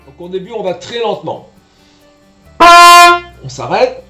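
Male trumpet teacher, patient and explanatory, slightly high voice, roomy echo. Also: sing-song, measured pace, faint music behind. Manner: patient, explanatory, demonstrates syllables aloud. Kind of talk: online music lesson.

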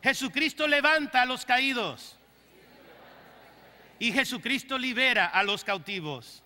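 A male pastor preaching a sermon to his congregation, leading call-and-response and breaking into loud bursts. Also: extremely high pitch, animated, measured pace, in a large hall.

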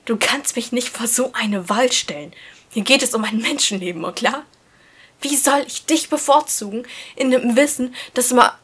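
A woman's voice: sits high, animated, unhurried, bright, forceful tone, slightly rough, pitched above the performer's own voice, exaggerated voice. A woman voicing a tense teenage schoolboy who speaks in a raised, hissing way while reading a story aloud. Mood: agitated. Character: teenage schoolboy, tense and sharp with his friend.

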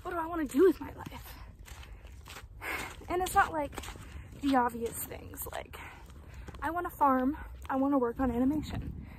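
The audio is poor, with a little hiss or hum, as a twenty-year-old woman vlogs from a dry mountain meadow in a high-pitched voice at normal speed, pausing often. She rambles and reflects casually, mocks herself and swears a lot. Her phone is held at arm's length, then propped on the ground.

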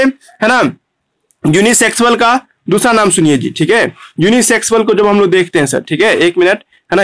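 A man's voice: high voice, a bit bright. A man teaching a biology class online. He repeats key terms and keeps checking in with "है ना". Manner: repetitive, tags lines with "है ना"; pauses to fix board writing.

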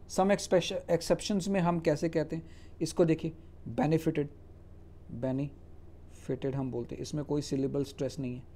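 Male teacher, mellow and fairly high voice, explains spelling rules step by step. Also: slight background noise. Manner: spells words out letter by letter and checks with "ठीक है?"; reads English rules aloud slowly, then explains them in Hindi. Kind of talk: Hindi lecture on English spelling rules.

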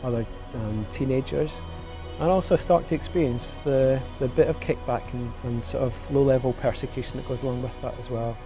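Earnest man over clear music. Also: mid-range voice, brisk, hardly any pauses, warm tone. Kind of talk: documentary interview.

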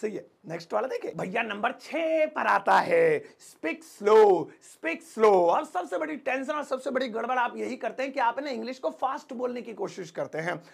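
Energetic man with a Hindi accent teaching a lesson, rough husky voice, playful and fast. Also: very high voice. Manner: fast, joking, acts out sample dialogues. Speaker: English teacher. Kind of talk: energetic spoken-English lesson.

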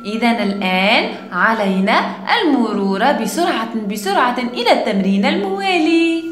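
A woman teaching a lesson to young children in an animated, sing-song way. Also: fairly high pitch, roomy sound.

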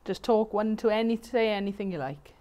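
This British woman, a vlogger who sets up sound for bands, talks a little fast in a mid-range voice with a dark tone. She gives casual instructions while setting up a PA in a large, bright community hall room.

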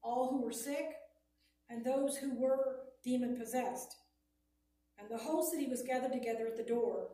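A woman reading scripture aloud during a sermon in a steady, measured way. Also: on the high side. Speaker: scripture reader. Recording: echoey room, heard from a distance.

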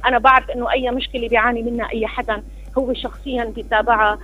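A woman's voice: a little high, little pitch movement, racing. A woman caller, speaking over a phone line into a radio call-in show and thanking everyone at length. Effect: heard over a phone line. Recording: dry tinny phone line.

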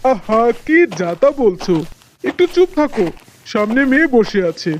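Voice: mid-range voice, big pitch swings, unhurried, slight background noise. An actor voicing a mild, placating middle-aged father in a cartoon. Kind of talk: cartoon voice acting.

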